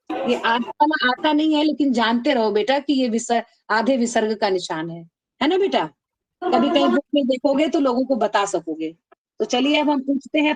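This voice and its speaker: A woman teaching an online class, affectionately calling her students "beta" and chanting rules slowly for them to repeat. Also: high voice. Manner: calls students "beta", drills them call-and-response. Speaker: Sanskrit teacher.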